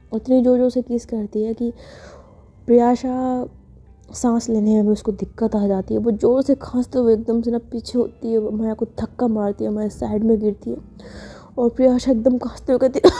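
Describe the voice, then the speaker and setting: A woman's voice: a little high, dark tone. A woman storyteller narrating a romance story in a chatty, filler-filled way. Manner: conversational, filler-heavy narration. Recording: dull lo-fi audio over music.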